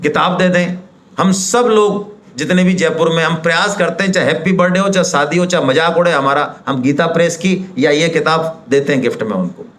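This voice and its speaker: A man's voice: fairly high pitch, a little fast. A man speaking at a devotional seminar, talking in a colloquial and persuasive way, firing rhetorical questions and addressing the audience directly. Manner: animated, rhetorical questions, acts out quoted voices.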